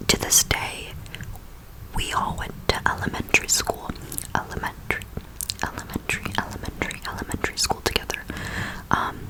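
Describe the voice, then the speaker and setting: A woman speaking in a soft, breathy ASMR whisper, telling a rambling personal story and slowly repeating words and phrases. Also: low-quality recording. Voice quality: whispery, mostly unvoiced, with creaky edges. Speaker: ASMR video host.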